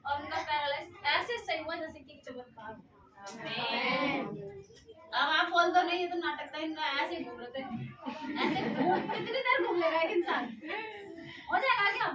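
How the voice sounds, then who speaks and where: Woman giving a lively sermon testimony, echoey church, far mic, noisy. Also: sits high, normal speed, a crowd in the background. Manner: animated, storytelling, acts out dialogue. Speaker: preacher.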